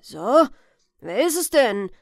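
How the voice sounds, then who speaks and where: A woman voicing a gruff, wary old farmer who calls out loudly in a storybook reading. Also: fairly high pitch, sing-song, slow pace, no room sound, studio quality, heavily acted. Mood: gruff shouting. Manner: loud shouting. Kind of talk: audiobook character reading.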